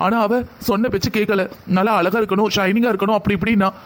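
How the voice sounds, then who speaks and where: The voice is male, sitting high with little pitch movement, fast and lightly acted. It belongs to an anxious middle-aged father in a cartoon, distressed and begging for help for his daughter.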